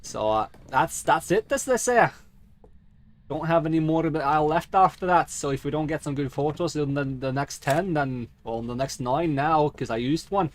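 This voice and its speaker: Pitched on the high side, expressive and at normal speed, a game streamer runs through theatrical, sweary, rambling commentary. The accent is a put-on mock one he labels a dwarf accent.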